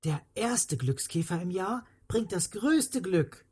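A storyteller voicing a hopeful little girl in a children's story, lifting into a much higher, eager voice. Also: animated, takes it slowly, slightly rough, heavily acted. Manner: eager, bright calls. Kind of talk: storybook reading. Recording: faint music behind.

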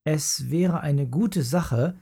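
A narrator voicing a patient mother in a children's story who gently chides her son. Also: medium pitch, drawn-out words, gravelly, breathy edge, full character voice. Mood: gently chiding.

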